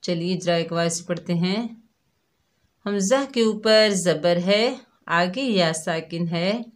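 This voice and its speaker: A woman with a lowish voice speaks slowly while teaching Quran recitation. She patiently spells out each syllable and repeats it in a step-by-step lesson.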